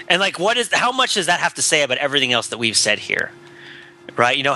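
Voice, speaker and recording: A man hosting a podcast in casual chat, rambling and animated, with many fillers and running jokes. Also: on the high side. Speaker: podcast host.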